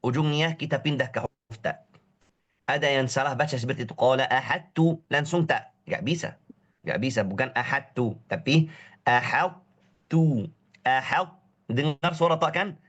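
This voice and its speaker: A Quran recitation teacher with a cold gives an online tajweed lesson, stretching Arabic words out slowly to show their pronunciation and drilling short syllables over and over. His voice is medium-pitched and a bit bright.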